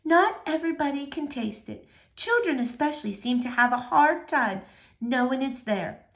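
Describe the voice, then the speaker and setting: An elderly lady librarian played by a woman reader from a children's storybook, gentle and wistful. She tells her tales slowly and deliberately, with a lilting, very varied pitch. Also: expressive, gravelly. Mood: soft, wistful.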